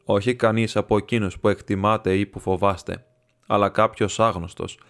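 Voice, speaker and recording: A man voicing a meek, earnest older monk who speaks gravely and pointedly. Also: on the low side, steady tone. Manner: grave and piercing.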